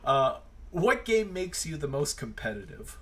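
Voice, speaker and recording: A man hosting a casual interview, self-deprecating and quick to laugh. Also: a little high, big pitch swings, a bit bright. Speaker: interview host.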